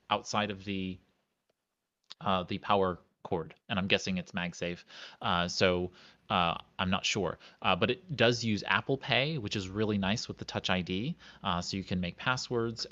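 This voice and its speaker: Low-voiced host guy going thru specs, uh-heavy, kinda muffled sound. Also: a bit bright. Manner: measured, reads specs out, hedging fillers. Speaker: podcast host. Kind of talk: casual chat.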